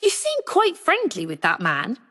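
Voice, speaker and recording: A woman voicing an elegant young male courtier who speaks smoothly with sarcasm. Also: high voice, wildly swooping pitch, normal speed, a bit bright, in a large hall, voice pushed up, heavily acted. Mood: sarcastic.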